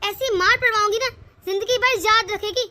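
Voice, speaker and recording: A woman's voice: very high voice, fairly even intonation, moderate pace, pushed and bright. A woman voicing a scheming, vengeful middle-aged mother-in-law in a cartoon, with taunting, spiteful muttering.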